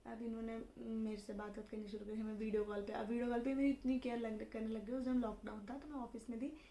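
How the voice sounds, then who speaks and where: A young woman casually telling the story of how she met her husband, in a lively conversational way. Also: fairly high pitch, fast talker. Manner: chatty, animated, acts out dialogue in quotes. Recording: roomy echo with faint background noise.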